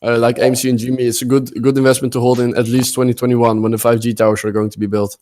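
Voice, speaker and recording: A man talking casually in a group voice chat, with a halting delivery. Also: mid-range voice, flat delivery, a little mellow.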